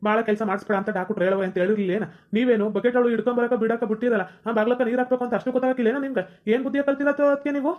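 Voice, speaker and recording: A woman's voice: fairly high pitch, fairly even intonation, rapid-fire, hardly any pauses, lo-fi sound, pitched below the performer's own voice, natural voice. A woman voicing a quarrelsome young husband who complains in a North Karnataka Kannada accent. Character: young husband Shankar, hotheaded son.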